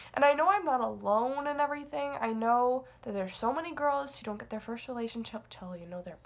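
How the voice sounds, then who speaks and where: In a casual confessional vlog, a nineteen-year-old woman wanders through her thoughts hesitantly, with plenty of fillers and self-deprecating remarks. Her fairly high voice is gravelly with a bit of brightness.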